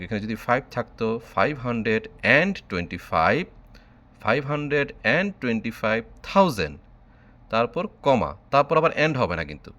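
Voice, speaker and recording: A man's voice: mid-range voice, fairly bright tone. A man from Bangladesh teaching a math lesson online, patiently spelling out number words letter by letter.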